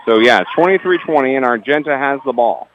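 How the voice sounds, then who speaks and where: A man's voice: medium pitch, lively intonation, muffled recording, slight background noise. A man giving play-by-play commentary on a basketball game, rattling off each pass and adding dry asides about the officiating. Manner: rapid player-by-player calls, dry asides about the refs. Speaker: play-by-play announcer.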